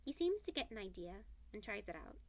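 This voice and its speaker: A woman reading a young adult novel aloud in the first person, with an expressive, playful delivery. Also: medium pitch, a little fast. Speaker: audiobook reader.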